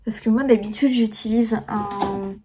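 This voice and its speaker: A woman's voice: medium pitch, fairly even intonation, unhurried, background noise. A young woman chatting casually through a makeup tutorial, full of fillers and restarts. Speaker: beauty vlogger.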